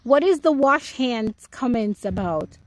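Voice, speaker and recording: Slow, chatty woman touring her garden. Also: fairly high pitch, animated, no echo, poor audio. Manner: chatty, explanatory, talks to viewers directly. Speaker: home gardening vlogger. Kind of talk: casual live-streamed garden tour. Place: outdoors in a home vegetable garden. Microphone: phone.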